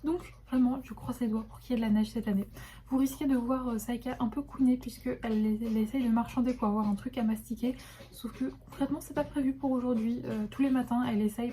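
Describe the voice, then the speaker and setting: Chatty young woman vlogging from home. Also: fairly high pitch. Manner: chatty, relaxed, lots of hesitations. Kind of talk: casual chat to camera. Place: at home by her desk. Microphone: phone camera.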